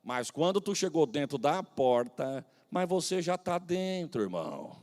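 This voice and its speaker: High-voiced Brazilian pastor preaching. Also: male voice, very animated, a little slow, long reverb tail. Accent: Brazilian Portuguese. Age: 40s. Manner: swings between shouted proclamation and hushed storytelling; humorous, folksy anecdotes. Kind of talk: sermon.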